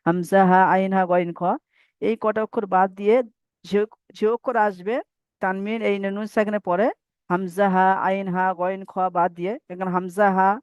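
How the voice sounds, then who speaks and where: A man's voice: sits high, flat delivery, normal speed, clear, resonant tone, dry recording. A man teaching Quran recitation rules in a patient, repetitive way and having students recite after him. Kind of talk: online tajweed lesson. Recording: dry, dull lo-fi mic.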